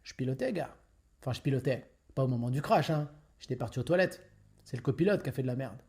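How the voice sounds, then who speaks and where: A man's voice: mid-range voice, expressive, creaky, darkish tone. A man voicing a boastful young fake tycoon who brags absurdly in slang. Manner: fast, cocky bragging with slang.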